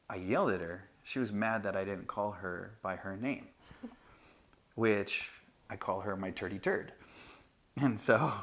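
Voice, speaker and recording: Chatty grandfather tattoo artist, lowish voice. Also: fairly bright tone. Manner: chatty, laughing storyteller. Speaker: tattoo artist and podcast host. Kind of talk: casual chat. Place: tattoo studio. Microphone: lapel mic.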